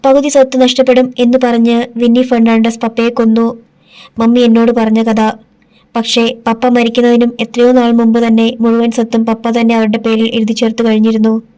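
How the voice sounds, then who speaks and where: Woman voicing young daughter, defiant, quiet but firm, accusing, fairly high, mellow. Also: completely flat delivery, normal speed, close to an everyday voice.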